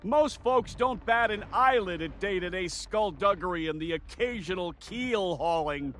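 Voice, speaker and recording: A man's voice: high-pitched, expressive, moderate pace, a bit bright, slight background noise. An actor playing a cheerful, chatty salty old pirate townsman in a video game, hearty and theatrical. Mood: jovial. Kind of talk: video game character acting.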